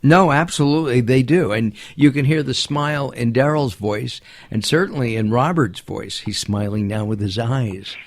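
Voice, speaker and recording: A man's voice: mid-range voice, normal speed, hardly any pauses. A man hosting a radio talk show, chatting casually with fillers and restarts.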